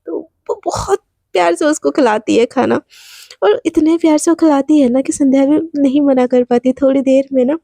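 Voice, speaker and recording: A young woman casually narrating a romance story in a chatty way, pausing to search for words. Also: sits high, creaky, mellow, dry recording.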